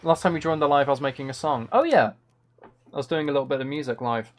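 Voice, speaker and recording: A creaky-voiced man livestreams a video game, chatting casually and muttering to himself between replies to his viewers' chat. His voice leans high and quick, and faint noise plus keyboard clicks are audible.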